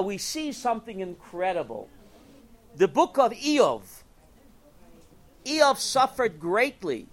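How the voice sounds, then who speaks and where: A man with a notably high voice teaches a religious class. He talks in an animated way, repeats his key phrases and poses questions that he answers himself.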